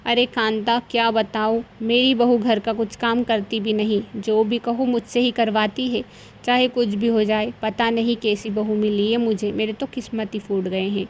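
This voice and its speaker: A woman's voice: on the high side, little pitch movement, moderate pace, a little hiss or hum, natural voice. A woman voicing a complaining older neighbour woman in a cartoon story, grumbling about her lot.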